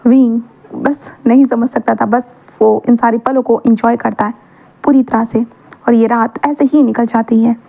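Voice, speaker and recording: A woman's voice: fairly high pitch, steady tone, moderate pace, gravelly, warm tone. A woman casually retelling a fan fiction story, mixing English words into her narration.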